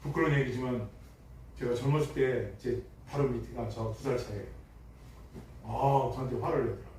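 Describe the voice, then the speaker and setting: A middle-aged man preaching a sermon as pastor, emphatic and full of rhetorical questions, moving from loud bursts to hushed tones. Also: medium pitch, steady tone, fairly quick. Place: church sanctuary. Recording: echoey hall, distant mic, faint noise.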